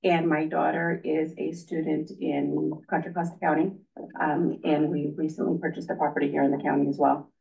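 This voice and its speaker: A woman's voice: low voice, little pitch movement, normal speed, gravelly, dark tone. A middle-aged woman introducing herself at a public meeting in a casual, plain-spoken way. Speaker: committee member, parent. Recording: distant, muffled meeting-room recording.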